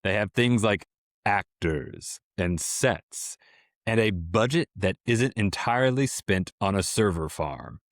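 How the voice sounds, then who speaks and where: Deep, dry-voiced deadpan announcer for a mock ad, as a podcast host puts him on. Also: male voice, slow, dry recording. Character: deadpan male newscaster reading a spoof ad. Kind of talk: mock commercial read.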